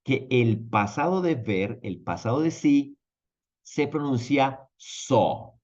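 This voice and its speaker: This English teacher, speaking in a mid-range voice over dull audio, gives an online language lesson. He explains things patiently in a lively, stretched-out way, repeatedly checking in with the people watching.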